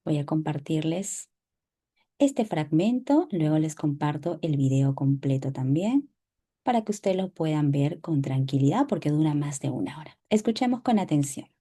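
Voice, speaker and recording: A woman hosting a live book club, speaking in a calm, measured, reflective way. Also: deep voice, husky. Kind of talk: live reflective reading talk.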